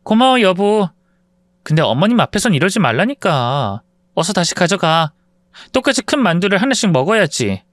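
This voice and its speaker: Man doing a smug young daughter-in-law, pitched high, breezy. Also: big pitch swings, normal speed, a bit bright, no room sound, studio quality. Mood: dismissive. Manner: breezy, dismissive.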